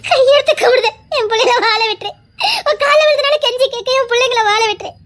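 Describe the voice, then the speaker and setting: A woman's voice: very high-pitched, fast talker. A woman voicing Sivakami, a fierce scolding mother. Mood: threatening. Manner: scolding, shouting, cursing, sobbing. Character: fierce middle-aged village mother, protective. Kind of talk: Tamil audio drama acting.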